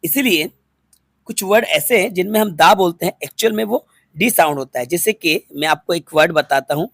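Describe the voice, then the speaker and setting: A man's voice: high-pitched, fairly quick, a bit bright, dry recording. A man teaching a phonics lesson to students, patiently spelling words out letter by letter and repeating each one. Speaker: English teacher.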